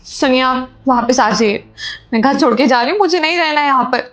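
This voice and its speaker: A woman's voice: high-pitched, a little fast, lightly acted. A woman playing a young bride pleading with her husband on the phone, in an amateur family drama. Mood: aggrieved. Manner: pleading, aggrieved. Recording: dull lo-fi sound.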